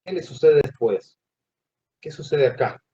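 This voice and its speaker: Man lecturing a class, husky. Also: a little high, animated, mellow. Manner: asks the class questions, pauses mid-phrase. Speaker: teacher. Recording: dull lo-fi classroom recording.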